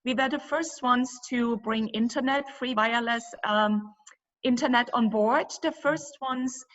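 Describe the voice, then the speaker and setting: Answering interview questions, the co-owner of a river cruise company speaks with a German accent, fluent and enthusiastic though full of fillers. She talks in a fairly high, slightly bright voice without hurrying, and the lo-fi recording is muffled.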